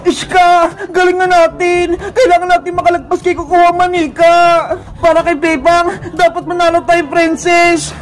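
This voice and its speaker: A woman voicing two panicky young girls in a cartoon, shouting and crying as they run from a deadly game. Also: very high voice, little pitch movement, normal speed, few pauses. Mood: frantic. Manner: shouting, frantic, tearful. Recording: music playing behind.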